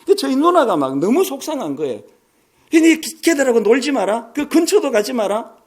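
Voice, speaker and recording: A man in his sixties preaches a sermon in a strikingly high voice. His pitch swings widely as he tells stories and drops in humorous asides. He sounds lively and conversational from the pulpit. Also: moderate pace, breathy edge. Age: 60s. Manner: animated, storytelling with humorous asides. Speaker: pastor.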